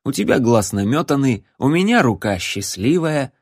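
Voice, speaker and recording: A man voicing a cold, restrained male assassin with a flat, chilly delivery. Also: mid-range voice, moderate pace, husky, dry recording, studio quality, pitched above the performer's own voice.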